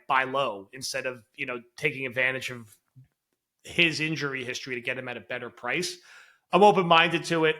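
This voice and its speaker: A man co-hosting a sports podcast, chatting casually and getting animated and exasperated as a fan. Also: medium pitch. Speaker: podcast co-host.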